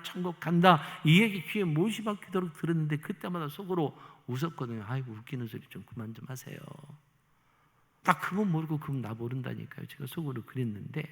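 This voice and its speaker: Animated man preaching in a reverberant church. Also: fairly high pitch. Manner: animated storytelling, acting out inner thoughts. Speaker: pastor. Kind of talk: testimony sermon. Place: church sanctuary. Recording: long hall reverb.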